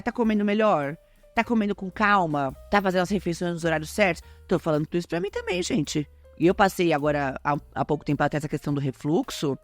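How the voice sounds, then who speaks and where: A woman with a Brazilian Portuguese accent talks to her listeners in a casual podcast monologue. Her voice sits fairly low, her manner is chatty and lively, and faint music plays underneath. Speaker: podcast host.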